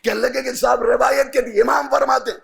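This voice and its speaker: High, gravelly, husky preaching man. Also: fairly even intonation. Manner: declaiming loudly with sung, chanting cadences; breaks into dramatic quoted dialogue. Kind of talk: impassioned majlis sermon.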